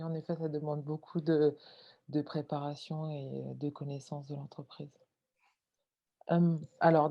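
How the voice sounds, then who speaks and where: A woman hosting a podcast interview, asking her questions in a halting way with many fillers. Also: deep voice, dull audio. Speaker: podcast host.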